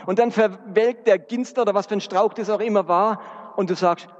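A man's voice: high voice, steady tone, normal speed. A man preaching a sermon, earnest and speaking directly to his congregation. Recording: dull recording with long hall reverb.

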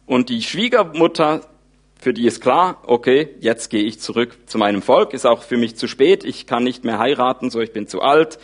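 A man preaching with lively storytelling. He rises to loud peaks and sinks to quiet, intimate asides. His pitch sits in a middle range for a man. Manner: lively storytelling, voices characters' thoughts informally; animated, wide swings in loudness. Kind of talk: sermon.

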